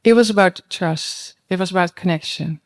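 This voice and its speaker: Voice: medium pitch, moderate pace. Panelist speaking in plain, short sentences. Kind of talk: panel discussion, storytelling.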